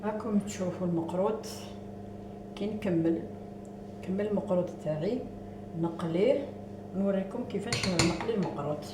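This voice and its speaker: A woman's voice: medium pitch, a little fast, long pauses. A woman with an Algerian Arabic accent hosting a cooking show in a kitchen, talking viewers through each step as she works. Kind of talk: cooking demonstration. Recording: echoey room with background noise.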